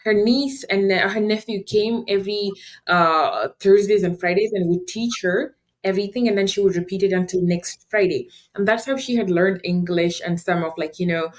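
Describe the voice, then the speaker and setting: A young woman from Afghanistan, a nonprofit founder and guest, telling her story in a lively conversational way, often laughing and acting out what people said. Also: mid-range voice. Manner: animated, quick, laughing often, acts out quotes.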